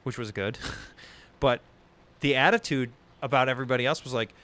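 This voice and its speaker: A podcast host talks in a casual discussion stream, heated and exasperated, swearing often and rambling with lots of restarts. His mid-range voice has a sharp tone at normal speed.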